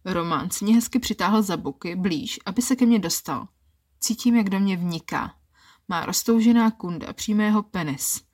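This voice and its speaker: Female podcast narrator, first-person erotic story, calm and intimate. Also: medium pitch, breathy edge.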